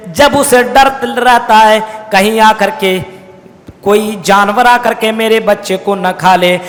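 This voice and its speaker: A man preaching a Quran commentary in a mosque, reciting Arabic verses slowly, then explaining them and addressing his listeners as brothers. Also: high voice, fairly bright tone, in a large hall. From India. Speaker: Islamic preacher. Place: mosque hall.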